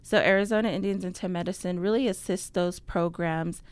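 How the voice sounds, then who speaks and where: A young woman from New Mexico talks as a radio interview guest, her voice smooth and slightly low. She fills her sentences with ums and laughs easily. The studio sound is dry and close. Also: fairly even intonation, fairly quick, no echo. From Navajo, New Mexico. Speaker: guest, outreach coordinator. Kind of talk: casual interview talk.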